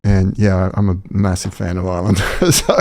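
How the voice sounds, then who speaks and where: A middle-aged man with an Australian accent, a company founder telling his story as a podcast guest in quick, enthusiastic casual talk, often repeating phrases as he thinks. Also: low voice, flat delivery, a little mellow, no echo, clean studio sound.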